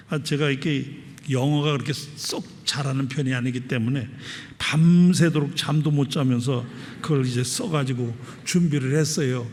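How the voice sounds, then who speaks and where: A male pastor telling a story in a conversational sermon, with frequent interjections, building to fervent exhortation. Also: mid-range voice. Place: church sanctuary. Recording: reverberant church hall.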